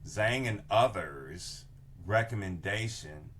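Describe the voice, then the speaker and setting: A man's voice: fairly low pitch, animated, takes it slowly, a bit bright, a little hiss or hum. An older man teaching a screen-share tutorial, dictating spellings and punctuation item by item like an instructor. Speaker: research class instructor. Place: indoor room with bookshelves, video inset.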